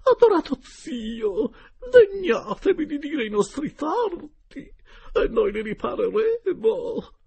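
A man voicing a pious middle-aged headmistress who wails and pleads in a tearful falsetto, in an audiobook reading. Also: big pitch swings, slow, creaky, a little mellow, full character voice. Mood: pleading tearful. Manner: pleading, sobbing.

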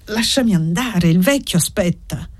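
A woman's voice: fairly low pitch, lively intonation, normal speed, breathy edge, no echo. A woman reading aloud and voicing a young servant woman who speaks sharply and impatiently. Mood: irritated. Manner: sharp, irritated.

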